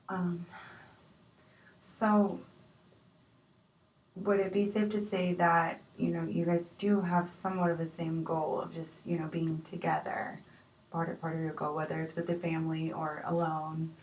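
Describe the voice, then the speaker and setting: A woman plays a patient marriage counselor who speaks gently and hesitantly, filling pauses with ums. Her voice sits a little low and is picked up from a distance in an echoey room with faint noise. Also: flat delivery. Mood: probing. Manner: gentle, hesitant with many fillers. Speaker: counselor in role-play. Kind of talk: amateur improvised role-play.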